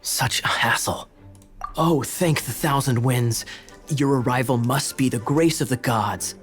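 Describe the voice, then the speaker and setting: A man's voice: mid-range voice, measured pace, fairly bright tone, lightly acted. Man as theatrical, teasing game captain. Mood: mock pleading. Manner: dramatic, teasing, grandiose. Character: theatrical, scheming eyepatched cavalry captain, smooth storyteller. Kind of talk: video game voice acting. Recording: game music behind voice.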